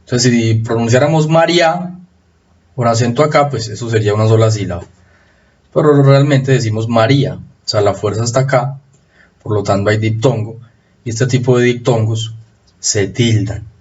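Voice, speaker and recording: A man giving a recorded spelling lesson, explaining rules slowly and repeating them for emphasis. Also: medium pitch, darkish tone, highs cut off. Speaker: spelling teacher.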